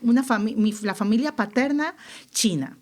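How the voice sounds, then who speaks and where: A woman's voice: a little high, expressive, moderate pace, darkish tone. Woman in a thoughtful conversation. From Panama. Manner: reflective, searching for words, many fillers. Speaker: guest artist. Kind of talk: casual conversation.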